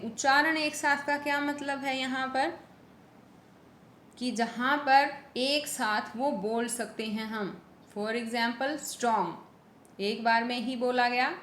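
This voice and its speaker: A woman teacher giving a grammar lesson, asking questions and answering them herself, repeating key points. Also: a bit bright. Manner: slow, repetitive, asks and answers her own questions. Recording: echoey room with faint rumble.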